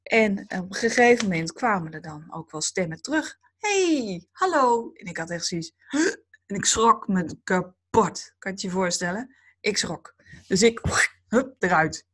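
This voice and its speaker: Woman doing a calm spiritual talk, breathy voice, slow and dreamy. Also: fairly low pitch.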